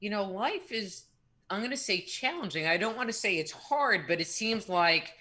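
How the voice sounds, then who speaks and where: A woman's voice: mid-range voice, animated, moderate pace, pushed and bright. A woman co-hosting live radio in casual chat, talking in a reflective, rambling way with frequent restarts. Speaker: radio show co-host.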